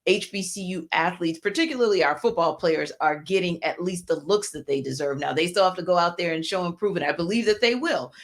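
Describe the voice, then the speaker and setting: Female sports podcast co-host, lowish voice, articulate and measured. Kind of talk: casual sports podcast talk.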